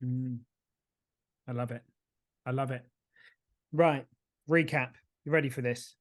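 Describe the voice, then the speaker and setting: A man's voice: medium pitch, steady tone, measured pace. A man co-hosting a sober-living podcast, chatting casually and rambling a little as he coaches. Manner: rambling, self-interrupting. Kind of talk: casual chat.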